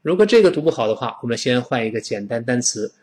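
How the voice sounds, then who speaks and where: A man leads an English pronunciation lesson, and his pitch rises and falls in a lively way. He is animated and playful and acts out example sounds. He drills each word slowly so listeners can repeat after him. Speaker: English teacher.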